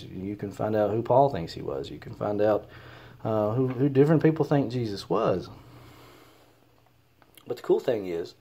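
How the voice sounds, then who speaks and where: A man's voice: on the low side, dark tone. A man with a Southern US accent talking casually to camera, hesitant and earnest with many ums and uhs.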